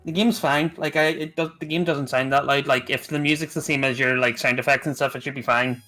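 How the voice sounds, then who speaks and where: A man's voice: medium pitch, steady tone, a little fast, sharp tone, faint music behind. A young man from Northern Ireland with a Northern Irish accent, co-hosting a game stream in casual, joking chat and trailing off mid-sentence. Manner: joking, laughs often, trails off. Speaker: stream co-host.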